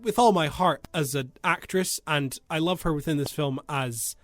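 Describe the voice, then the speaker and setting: A man co-hosting a radio film podcast, talking in an animated, exasperated way about what he watched. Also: a little high, moderate pace, no echo. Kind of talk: casual film review chat. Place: radio studio.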